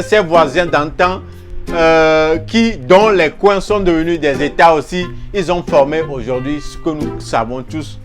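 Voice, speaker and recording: A comic storyteller spins a mock history in a high, bright-pitched voice. He talks animatedly, repeating words and imitating local for laughs, while music plays clearly underneath. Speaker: comedian telling a mock history.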